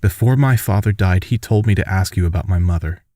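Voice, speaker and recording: A man's voice: low-pitched, a little fast, warm tone, no echo, studio quality, lightly acted. A man voicing a determined young woman in a fan audiobook, in plain, urgent speech.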